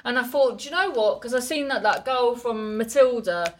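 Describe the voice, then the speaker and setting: A woman with a fairly high voice chats on a comedy podcast, rambling through her stories and stopping to correct herself. She giggles often as she goes. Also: normal speed, slight background noise. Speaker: podcast co-host. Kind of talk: casual comedic chat.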